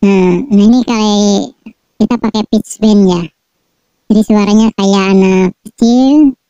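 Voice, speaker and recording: A man, his voice run through a pitch shifter that raises it into a chipmunk-like child voice while he casually demonstrates a soundcard. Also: measured pace, clear, resonant tone, dry recording, dull audio. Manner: relaxed, explaining as he tests. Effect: pitch shifter raising the voice to a chipmunk-like child voice. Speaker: gear reviewer. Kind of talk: casual product demo. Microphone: microphone through a soundcard.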